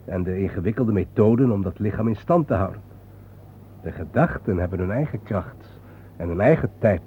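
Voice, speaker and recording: In an old radio play recording that sounds thin and phone-like with faint noise, a male actor plays a solemn, reflective journalist haunted by the war dead. His voice sits on the low side, and he delivers grave, deliberate, philosophical lines with lively intonation and light acting.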